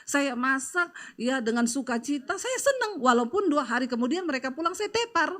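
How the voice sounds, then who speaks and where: A woman's voice: sits high, big pitch swings, moderate pace, a bit bright. A middle-aged woman pastor, preaching in a chatty, storytelling way with lots of fillers. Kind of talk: conversational sermon with personal stories.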